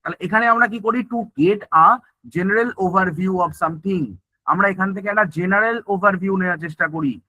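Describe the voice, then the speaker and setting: This man's voice is high and sharp, at a normal speed, captured without echo but in rough quality. Giving an online lecture for exam preparation, he answers questions he puts to himself, blends English terms into Bengali, and repeatedly asks "ঠিক আছে?" to check in.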